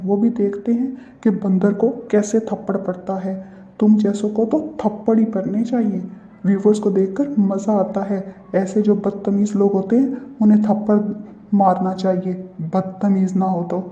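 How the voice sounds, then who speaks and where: A man's voice: high-pitched, dark tone, natural voice. A man voicing a bossy, quarrelsome young woman in a cartoon who keeps scolding and repeating herself. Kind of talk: cartoon voice acting. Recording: roomy, dull lo-fi recording.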